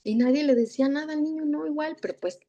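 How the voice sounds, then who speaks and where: In lo-fi sound, a Mexican woman with a high, warm voice speaks quickly as she gives a storytelling masterclass on thanatology. She acts out the conversations and tosses in tag questions.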